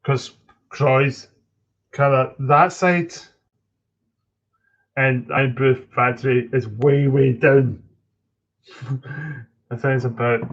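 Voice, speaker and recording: A Scottish man talks to his viewers in an unhurried, halting way, filling pauses with ums and breaking off to start again. His voice sits at an ordinary middle pitch. The stream audio sounds muffled and lo-fi. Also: a bit bright. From Scotland. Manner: halting, with frequent ums and restarts. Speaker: live streamer answering chat. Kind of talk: casual live-stream chat.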